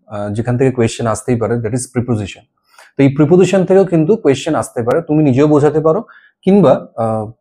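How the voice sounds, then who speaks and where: A man's voice: fairly high pitch, darkish tone. A man teaching a grammar lesson for an exam-prep class, explaining step by step and often checking with his students if they follow. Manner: explains step by step, asks "ঠিক আছে?" often.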